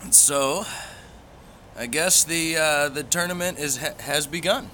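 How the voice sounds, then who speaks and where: A man with a bright, forward voice chats casually as if to online regulars. He rambles along in an easygoing, folksy way. There is some faint background noise behind him. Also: fairly high pitch, unhurried. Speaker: pipe hobby vlogger. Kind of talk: casual livestream chat.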